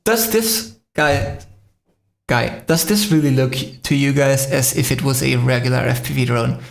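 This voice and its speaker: Male live-stream host from Spain, rambling and filler-heavy, gravelly voice, echoey room. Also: medium pitch, a little slow. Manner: rambling, many fillers, answers viewer comments. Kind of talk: casual live-stream chat.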